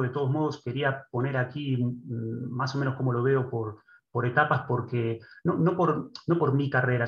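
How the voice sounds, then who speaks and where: Middle-aged man from Argentina, measured lecturer, dull lo-fi sound in a roomy space. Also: medium pitch. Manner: measured, thoughtful, with many restarts and filler sounds. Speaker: guest speaker. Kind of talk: lecture presentation. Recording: dull echoey room.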